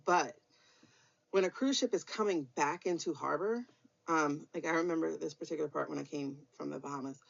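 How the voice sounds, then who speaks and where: A woman from the US with a low, fry-tinged voice offers a weekly tarot reading. She chats casually about spiritual matters, staying blunt yet encouraging and swearing a little. The recording is lo-fi and dull.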